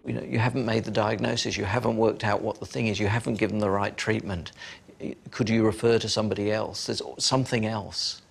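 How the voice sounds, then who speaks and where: Low, gravelly male doctor, calm explainer. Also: fairly quick. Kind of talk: documentary interview.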